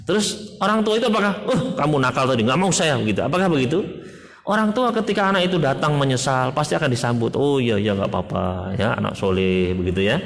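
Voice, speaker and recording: A man giving a conversational Islamic sermon, acting out parents in raised voices and dotting his talk with "ya". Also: big-room sound. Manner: lively, swings high to act out parents, fills with "ya". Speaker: Islamic preacher.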